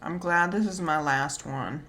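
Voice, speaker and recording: Slow-paced woman chatting with whistly S sounds. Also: low-pitched, a bit bright. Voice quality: slight whistle on S sounds when talking. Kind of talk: casual chat. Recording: clear background noise.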